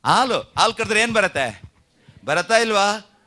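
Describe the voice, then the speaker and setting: A man's voice: sits high, animated, normal speed, bright, forceful tone. A man preaching a sermon, leading the congregation in call and response with frequent hallelujahs and amens. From India. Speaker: pastor.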